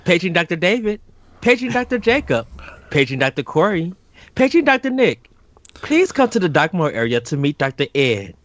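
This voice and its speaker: A man's voice: high voice, very animated, moderate pace, no echo, lo-fi sound. A man voicing a hospital announcer paging in a corridor, with formal, repetitive sing-song calls. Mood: mock official.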